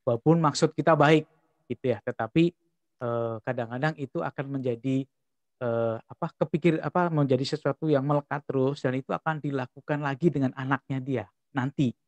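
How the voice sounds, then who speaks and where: A man moderating an online seminar over a video call, his voice mid-pitched and dry. He reads out comments and sums up points, pausing often on hesitant fillers. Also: dry recording. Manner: hesitant, fills with "eh, apa".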